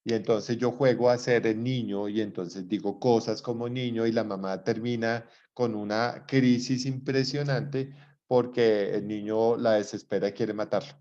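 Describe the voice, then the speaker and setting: A man's voice: fairly low pitch, fairly even intonation, moderate pace, warm tone. A middle-aged man giving an online lecture, explaining at length and often checking that his listeners follow. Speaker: lecturer in psychology. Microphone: video call. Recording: dull video-call audio.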